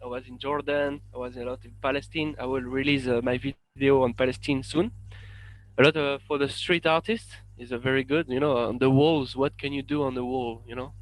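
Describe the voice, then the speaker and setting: A man from France with a French accent, a guest on a podcast interview, talking in a halting way full of fillers and restarts. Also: medium pitch, fairly even intonation, poor audio. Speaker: guest, independent researcher.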